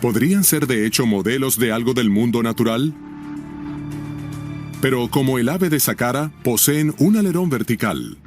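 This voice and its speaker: A man's voice: mid-range voice, animated, normal speed. A man narrating a scripted documentary in a nature documentary style, dramatic and intriguing, often posing questions. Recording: music bed behind the voice.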